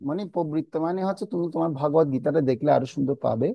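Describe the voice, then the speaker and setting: A man teaching a scripture class, chanting verses slowly and then explaining their pronunciation step by step. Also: fairly high pitch, creaky, breathy edge, dry recording, lo-fi sound.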